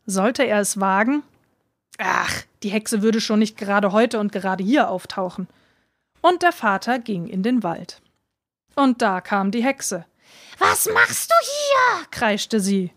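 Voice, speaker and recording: A woman reading a children's storybook aloud in a clear, measured way. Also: mid-range voice, no room sound. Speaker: reader.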